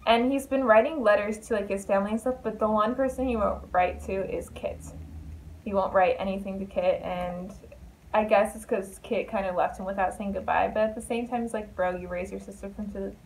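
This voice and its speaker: A woman's voice: mid-range voice, steady tone, brisk, a little hiss or hum, rough recording. A young woman chatting casually as a book vlogger, full of fillers and asides.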